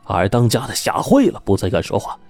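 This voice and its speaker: Low mellow guy telling a spooky story, dry close sound, faint music under it. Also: brisk, vocal fry, no room sound. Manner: steady, suspenseful telling. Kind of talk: scripted story narration.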